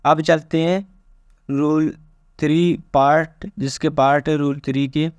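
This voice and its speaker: Man teaching English spelling, smooth dry voice. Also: on the high side, fairly even intonation, darkish tone, no room sound. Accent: Pakistani. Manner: reads English rules slowly, then explains them casually with repetitions. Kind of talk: spelling lesson explained step by step.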